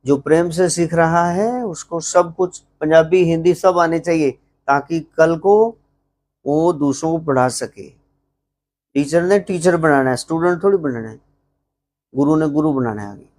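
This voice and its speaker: Punjabi-accented male teacher, fairly high voice, slow and deliberate, quizzing a live class. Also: a little mellow. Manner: asks questions of the class and answers them himself; slows to spell out English phrases. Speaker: teacher at a spiritual gathering. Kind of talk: informal live English class in Hindi and Punjabi. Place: live gathering hall.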